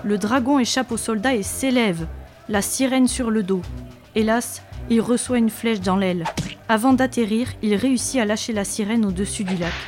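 A woman storyteller from a media library reading a children's picture book aloud, expressive and lively. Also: on the high side, normal speed, faint music behind.

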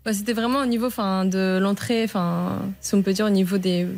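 A woman's voice: mid-range voice, steady tone, brisk, darkish tone. A woman guest on a radio show recounting her complaint, hesitant with lots of fillers. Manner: hesitant, many fillers and restarts. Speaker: caller with a consumer complaint. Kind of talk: casual telling of her story.

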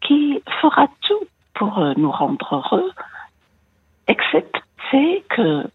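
Caller, woman, 60s, faint American accent, raspy and halting, dry, phone-quality sound. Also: high-pitched, wildly swooping pitch, no room sound. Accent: slight American. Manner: hesitant, many fillers. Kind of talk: radio call-in confiding. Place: home in the United States. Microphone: phone line. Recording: tinny phone line.

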